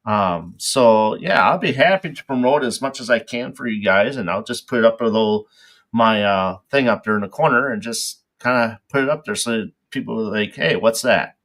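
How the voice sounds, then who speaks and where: Man, interview host, bright, relaxed, chatty. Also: medium pitch, moderate pace. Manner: relaxed, laughs often, easygoing. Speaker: podcast host. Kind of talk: casual interview chat.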